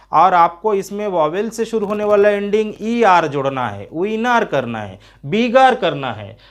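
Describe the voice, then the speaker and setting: A man teaching an English spelling lesson, spelling words out letter by letter in a steady explaining tone. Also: high voice. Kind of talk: spoken grammar lesson.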